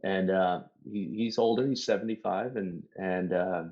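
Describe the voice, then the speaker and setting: A middle-aged Southern Californian man, a native Spanish speaker, guests on a casual podcast in a low, unhurried, darkish voice. The lo-fi recording sounds dull. He rambles through stories, mimicking what other people said and cursing freely.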